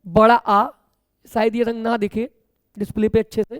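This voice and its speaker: A man's voice: sits high, little pitch movement, normal speed, smooth, no room sound, studio quality. A male teacher giving an exam-coaching grammar lesson, explaining patiently step by step and often calling his students children.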